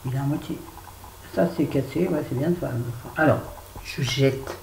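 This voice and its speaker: With an extremely low, creaky, slightly mellow voice at normal speed, a middle-aged woman does a casual empties review as a beauty vlogger. She puts on a southern French accent for fun. Faint noise and echo fill the room.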